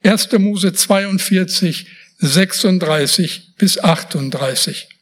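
A man's voice: high-pitched, slow, fairly bright tone. A man preaching a sermon, emphatic and speaking straight to his listeners with casual asides.

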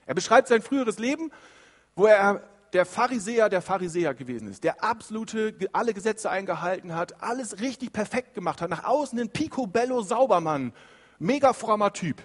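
A man preaching a sermon in a lively, conversational way, acting out the doubting thoughts of his listeners. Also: sits high, brisk, long reverb tail. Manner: lively, acts out quoted inner voices.

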